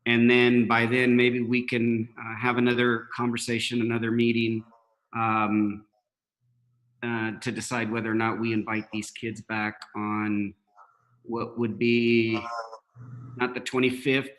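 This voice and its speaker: A man addresses a school board as its superintendent, at an ordinary middle pitch. He speaks haltingly, full of fillers and restarts. He has the hiccups. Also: completely flat delivery, a bit bright, poor audio. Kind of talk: board meeting discussion.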